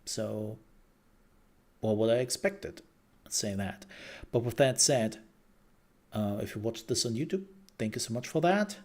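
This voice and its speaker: Guy streaming live, slow rambling talk, kinda low voice, worn out from talking all day. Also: expressive, a little mellow. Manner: rambling, thinking aloud with repeated phrases. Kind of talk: live reaction stream chat.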